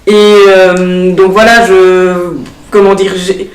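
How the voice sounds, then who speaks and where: A young woman, an election candidate speaking earnestly in a TV studio interview, pausing often with fillers. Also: mid-range voice, level tone. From Belgium. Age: young adult. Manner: earnest, hesitant, many fillers. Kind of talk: studio talk show interview. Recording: echoey studio, distant mic.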